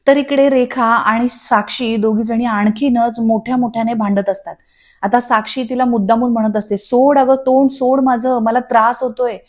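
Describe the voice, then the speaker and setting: A woman narrating a scripted voice-over recap of a TV serial, telling the scenes in a steady storytelling way. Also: a little high. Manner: steady storytelling, reading dialogue aloud. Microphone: studio voice-over.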